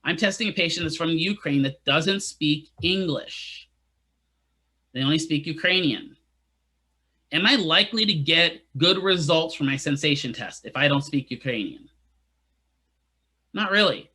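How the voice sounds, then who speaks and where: This man delivers a casual classroom lecture to physical therapy students, peppering it with "right?" and joking remarks. His bright, forceful voice is on the high side, with lively intonation at a moderate pace.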